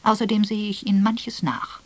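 A woman voicing a shrewd old lady who answers calmly and politely. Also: mid-range voice, moderate pace, voice pushed up, close to an everyday voice. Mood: calm, dry.

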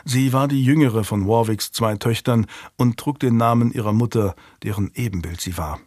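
A man narrating a historical novel in a calm, even storytelling manner. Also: mid-range voice, moderate pace, no room sound, studio quality. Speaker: audiobook narrator. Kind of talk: scripted narration.

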